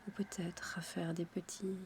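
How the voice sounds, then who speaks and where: A woman guiding a relaxation in a breathy, intimate ASMR whisper, soothing and addressing the listener directly. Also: on the low side, little pitch movement, moderate pace, a little mellow, a little hiss or hum. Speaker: relaxation guide for childbirth.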